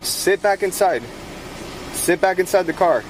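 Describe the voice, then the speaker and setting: A man's voice: high-pitched, animated, unhurried. A man speaking as a police officer, giving firm, exasperated orders at a traffic stop. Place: outdoors beside a police car. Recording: noisy roadside audio beside a car.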